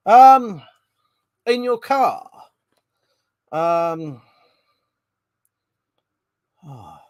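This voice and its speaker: The man's voice is high and smooth, expressive, with drawn-out words and no room sound. Hosting a live stream while nursing a cold, he reads viewer comments and rambles on chattily, coughing now and then and often stopping to um or start over.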